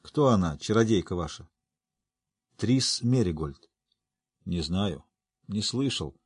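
A man voicing a gruff, boisterous older male dwarf who talks in a rough, folksy, teasing way. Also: fairly low pitch, animated, slow pace, no room sound, clean studio sound, exaggerated voice. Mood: gruff jovial.

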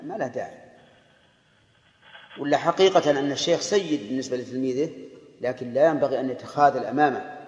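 A man with a Saudi accent giving a religious lesson, explaining a text in a measured way with pauses and self-corrections. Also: mid-range voice. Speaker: scholar explaining a classic text. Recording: echoey hall, dull lo-fi.

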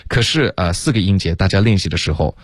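A man co-hosting a radio English lesson, explaining pronunciation and slowly repeating English words. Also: sits low, lively intonation, husky, no echo. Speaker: English teacher co-host.

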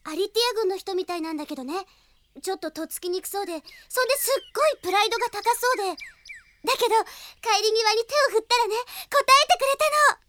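Est, a very high-pitched perky girl knight. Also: fast talker, bright, forceful tone, slight background noise. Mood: playful, giddy. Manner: chirpy, teasing, playfully theatrical. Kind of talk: Japanese radio drama acting. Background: music.

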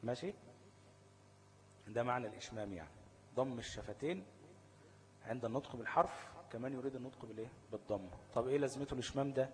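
A man's voice: medium pitch, very fast, pauses often, darkish tone, a little hiss or hum. A man with an Egyptian Arabic accent teaching Quran recitation rules, often posing fill-in questions and checking that listeners follow. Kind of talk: explanatory lesson.

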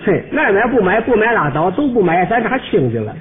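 A man playing a brash, rude male shop clerk, talking in a scornful, sharp-tongued way in a comic monologue. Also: high-pitched, very animated, fast. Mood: boastful. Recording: tinny old radio recording with faint hiss.

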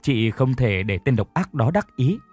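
A man's voice: medium pitch, very animated, moderate pace, a little mellow, no echo, faint music behind. A man voicing a remorseful, tearful young woman who speaks in a pleading, shaky way. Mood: resolute.

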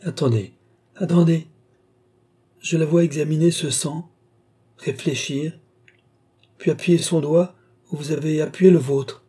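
A man playing a young woman in a trance, seeing far-off things and reporting them in short, halting phrases. The reading voice is mellow and a bit husky. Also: fairly high pitch, steady tone. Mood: entranced. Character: entranced young woman seer, wide-eyed and fearful. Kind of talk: audiobook reading.

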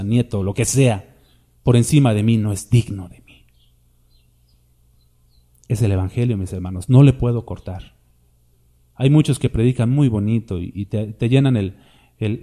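Chatty preacher, mellow voice. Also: male voice, on the low side. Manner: conversational preaching with asides to the congregation. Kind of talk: sermon.

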